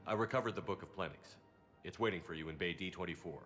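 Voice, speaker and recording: A military commander hero in a video game. His voice is low, and he speaks calmly in short, measured sentences, steady and supportive. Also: soft background music. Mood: calm, businesslike. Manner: measured, terse, calm.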